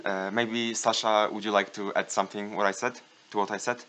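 A man's voice: on the low side, level tone, brisk, fairly bright tone, a little hiss or hum. A young man with a Polish accent speaks as co-host in a casual podcast discussion. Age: young adult.

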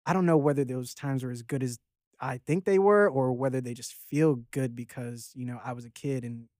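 A man's voice: medium pitch, a little fast, darkish tone, dry recording, clean studio sound. A man around thirty, from Baltimore, a rapper chatting loosely in an interview with lots of fillers and restarts. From Baltimore, Maryland. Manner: loose and rambling, many fillers and restarts, swears casually. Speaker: guest rapper. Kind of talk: casual interview chat.

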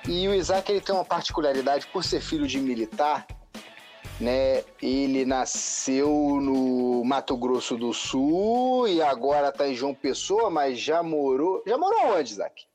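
A man's voice: mid-range voice, sing-song, a little slow, darkish tone, soft background music. Chatty Carioca man hosting a podcast. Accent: Carioca Portuguese. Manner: chatty, easygoing, tells personal anecdotes. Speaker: podcast host. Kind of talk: casual podcast interview.

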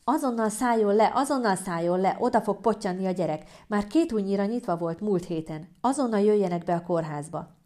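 A woman voicing a bossy midwife who shouts urgent orders. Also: medium pitch, lightly acted. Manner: commanding, loud.

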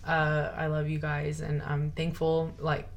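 A woman's voice: low-pitched, monotone, a little slow. A young woman, talking earnestly and rambling with many fillers and restarts in a casual chat. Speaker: guest sharing her story.

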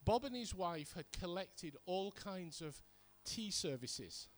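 A middle-aged British preacher delivers a sermon with personal anecdotes, telling stories conversationally and repeating points for emphasis. His voice is high-pitched and animated, and he speaks at a slow pace.

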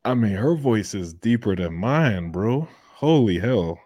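Guy hosting a podcast, kinda low voice, blunt, swears a lot, dry sound. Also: expressive, unhurried, dry recording. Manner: blunt and profane, with loud bursts of laughter. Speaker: podcast host. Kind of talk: casual commentary chat.

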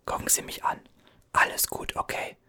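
A man's voice: moderate pace, pushed and bright. A man whispering as a chatty, soothing gas station cashier in an ASMR roleplay, reassuring and rambling.

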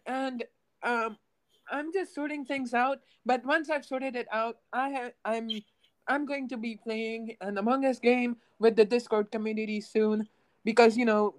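Rambling nineteen-year-old woman, higher voice. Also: low-quality recording. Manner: rambling, with many ums and restarts. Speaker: gaming channel host. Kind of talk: casual chat to viewers.

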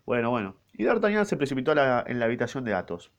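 A man's voice: medium pitch, big pitch swings, racing, lo-fi sound. Argentine man reading aloud with slangy asides. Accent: Argentine Rioplatense Spanish. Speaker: reader of a novel. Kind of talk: casual read-aloud with comments.

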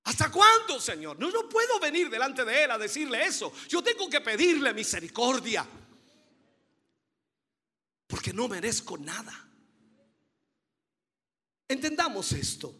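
A man with a very high, bright and ringing voice preaches a sermon with fervor, his pitch swinging widely as he stresses each point. He builds repeated phrases toward a climax and calls his listeners dear brother. His voice trails into a long hall reverb. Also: very animated, a little slow, long pauses, slightly rough. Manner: fervent, emphatic preaching with rising repeated phrases.

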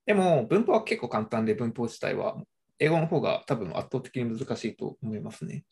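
A young adult in a casual chat who talks in a relaxed, hesitant way, with many fillers and restarts. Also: medium pitch, normal speed, slightly rough. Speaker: conversation partner.

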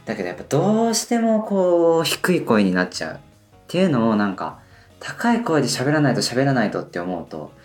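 A man in his twenties, a band member, rambling through a solo radio talk full of hesitant fillers while deliberately pushing his voice higher than usual. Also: very animated, faint music behind. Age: 20s. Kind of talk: casual solo radio monologue.

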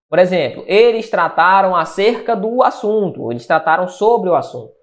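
A man from Brazil, teaching Portuguese grammar for an exam and checking in with quick questions. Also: high-pitched. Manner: energetic, with catchphrases and question-answer checks. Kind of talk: exam-prep lesson.

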